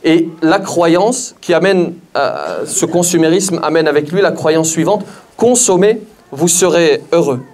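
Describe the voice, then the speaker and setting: A man's voice: a little high, lively intonation, darkish tone. A man giving a religious conference lecture, speaking straight to the audience, repeating key phrases for emphasis, with hesitations and restarts. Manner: measured, with frequent hesitations and restarts.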